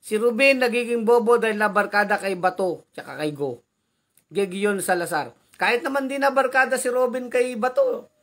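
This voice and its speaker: A man's voice: sits high, fairly even intonation, normal speed, a bit bright. A man hosting a casual live commentary vlog, reading out viewer comments with chatty, teasing asides, frequent tag questions and easy chuckles.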